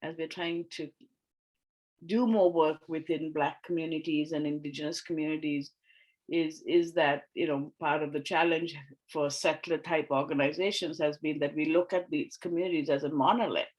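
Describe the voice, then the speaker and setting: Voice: mid-range voice, steady tone, moderate pace, low-quality recording. A facilitator from Sri Lanka leading an online workshop discussion over a video call, speaking thoughtfully with frequent fillers and restarts.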